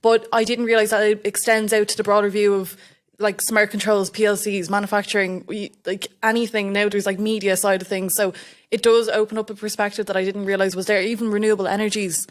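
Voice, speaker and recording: A woman's voice: mid-range voice, little pitch movement, brisk. A young woman from Estonia, an electrical apprentice, chatting as a guest in an interview and acting out quoted remarks as she tells a story. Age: young adult. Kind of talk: casual interview chat.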